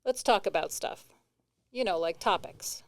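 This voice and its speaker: A woman's voice: mid-range voice, measured pace, dry recording. A woman with a New England accent co-hosting comedic banter in a matter-of-fact, dry way. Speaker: co-host.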